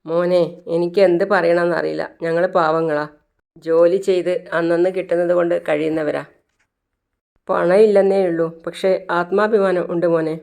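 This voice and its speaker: Brief: a poor, sorrowful mother pleading, read plainly by a storyteller, smooth clear voice. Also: medium pitch, flat delivery, normal speed, darkish tone, natural voice.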